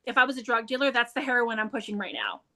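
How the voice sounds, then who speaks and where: A woman book reviewer talks about her favorite thrillers with bubbling enthusiasm, stumbling over her words in her hurry. Her voice is bright and forceful and sits a little high. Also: very animated, quick pace. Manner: enthusiastic, laughing, restarts words often. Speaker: book reviewer and book club leader. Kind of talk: casual chat about books.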